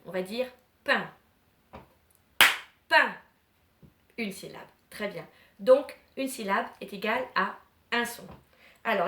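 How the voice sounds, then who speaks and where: A woman teacher giving a lesson to young children, encouraging them and pronouncing words slowly and clearly. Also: a little high. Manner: warm, encouraging, slow and clearly articulated; syllables stretched and repeated for children.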